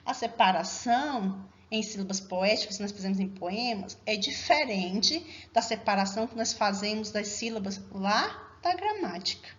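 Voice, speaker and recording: A woman's voice: medium pitch, animated, normal speed, few pauses, a bit bright, highs cut off. A woman teacher giving a recorded class, explaining step by step and regularly checking that her students are following. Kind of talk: recorded remote class lesson.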